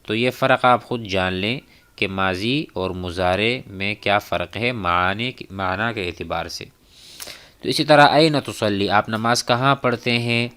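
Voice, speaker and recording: A male language teacher with a lowish, smooth and resonant voice. He works through a recorded lesson at a deliberate pace and says each phrase twice for the class to repeat. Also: bright, forceful tone.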